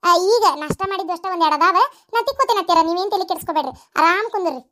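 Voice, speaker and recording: A woman's voice: very high-pitched, rapid-fire, fairly bright tone. A woman voicing a busy, caring village daughter-in-law in a cartoon story, chattering and fussing, with a North Karnataka accent. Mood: brisk. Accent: North Karnataka Kannada.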